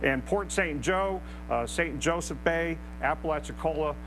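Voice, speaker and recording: A male meteorologist with a slightly high voice delivers a live technical briefing. He explains things in careful, precise detail. A clear humming rumble runs under his voice. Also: normal speed. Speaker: hurricane expert meteorologist. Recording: clear hum and rumble of noise.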